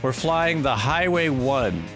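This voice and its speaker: With music playing behind him, a man flies on a live stream, bantering with viewers, thinking aloud, and cheering and yelping with excitement. His mid-range voice moves slowly.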